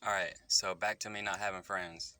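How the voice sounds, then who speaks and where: A man's voice: low-pitched, steady tone, bright, forceful tone. A man in his thirties telling a candid personal story to his phone, rambling and correcting himself as he goes. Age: 30s. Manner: rambling, halting and self-correcting. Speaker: vlogger. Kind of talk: candid personal confession to camera.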